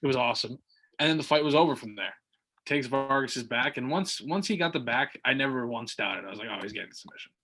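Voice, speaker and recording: A man's voice: mid-range voice, lively intonation, a little fast, sharp tone. A man co-hosting a fight podcast in casual chat, rambling with fillers and restarts. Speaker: podcast co-host.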